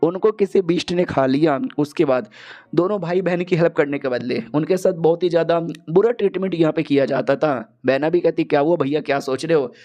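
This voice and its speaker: A man's voice: fairly high pitch, fairly quick, warm tone. A man narrating a story recap in a casual, slangy way.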